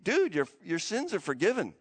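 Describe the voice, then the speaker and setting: A male preacher voicing Jesus as a relaxed, casual man who talks in easy slang, in a sermon. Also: sits high, normal speed, slightly rough, heavily acted. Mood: laid-back. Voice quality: laid-back, slangy. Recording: long church hall reverb.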